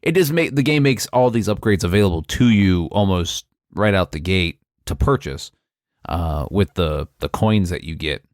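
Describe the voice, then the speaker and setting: A man in a casual gaming discussion, speaking haltingly and searching for his words. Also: low-pitched, lively intonation, dry recording, clean studio sound.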